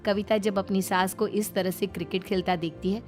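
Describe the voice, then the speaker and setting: A woman narrating a cartoon family story in an even, storytelling manner. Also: medium pitch, normal speed, soft background music.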